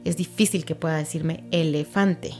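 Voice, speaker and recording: A woman's voice: deep voice, steady tone, moderate pace, a little mellow, faint music behind. A woman speech therapist, patiently explaining with examples and checking that her listener follows. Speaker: child language therapist. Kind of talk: explanatory interview talk.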